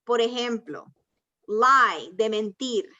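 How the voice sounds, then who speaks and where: A woman's voice: fairly high pitch, lively intonation, takes it slowly, sharp tone. A woman teaching an online language class, explaining rules patiently step by step. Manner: patient, explains step by step, mixes Spanish and English. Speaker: ESL teacher. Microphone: video call. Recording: dull lo-fi video call audio.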